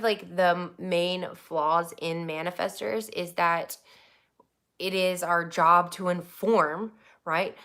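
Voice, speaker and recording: A woman's voice: fairly low pitch, a bit bright. A young woman chatting casually on her channel, rambling, swearing freely and laughing often. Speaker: YouTuber. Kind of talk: casual livestream chat.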